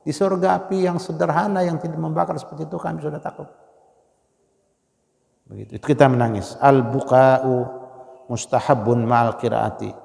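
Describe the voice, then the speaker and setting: A man preaching a dawn Ramadan sermon, swinging from loud exclamations to hushed prayers and chanting verses slowly. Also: mid-range voice, gravelly, long reverb tail. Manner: emotional, swings between loud exclamations and near-whispered prayers; chants Quranic verses slowly in melodic recitation. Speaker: Islamic scholar.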